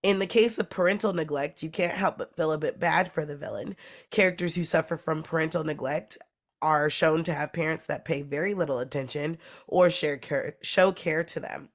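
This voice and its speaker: A woman's voice: sits low, moderate pace. Stuffy-voiced woman podcast host. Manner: laughs between lines, chatty. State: congested, sick voice. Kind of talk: casual podcast chat. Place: bedroom.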